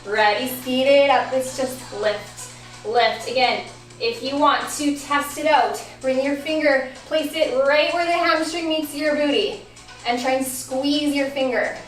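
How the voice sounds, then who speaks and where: A woman with a high voice and an unhurried pace cues a barre class, counting reps and urging listeners on. Her voice sounds a little worn. She is heard from off the mic in a roomy space, with faint music behind. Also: fairly even intonation, far from the mic. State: losing her voice. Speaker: barre instructor. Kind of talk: workout class cueing.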